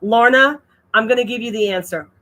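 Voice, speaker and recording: A woman with a sharp, fairly high voice talks fairly quickly as she hosts a casual livestream. She chats and reads viewer comments aloud, laughing often.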